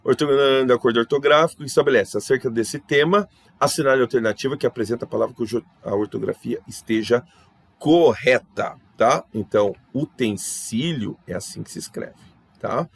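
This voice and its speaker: A man's voice: medium pitch, fairly quick, gravelly. A Brazilian man, a Portuguese teacher, casually working through exam questions aloud and often correcting himself. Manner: thinks aloud, corrects himself often, ends sentences with 'tá?'.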